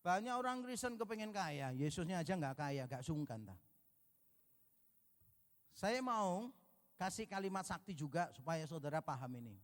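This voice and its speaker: An Indonesian pastor preaches to a congregation in a large church hall, telling stories, acting out dialogue and joking with the crowd. His voice is on the high side and very animated, moving at a moderate pace with long pauses, and the church adds a long reverb.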